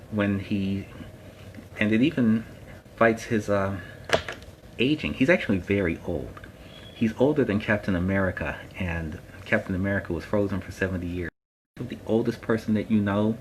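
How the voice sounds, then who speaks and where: A man plays Spider-Man as a friendly masked superhero hosting a children's story time. The voice sits fairly low, and he rambles along casually, explaining things in simple words. There is some noise in the background of the recording. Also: natural voice, poor audio. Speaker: host of a story time series.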